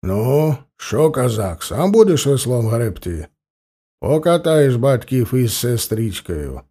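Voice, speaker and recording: Male reader as Cossack sergeant, Ukrainian accent, folksy, warm-dark. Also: medium pitch, big pitch swings, slow, slightly rough, exaggerated voice. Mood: hearty. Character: Cossack sergeant, older man, hearty and obliging.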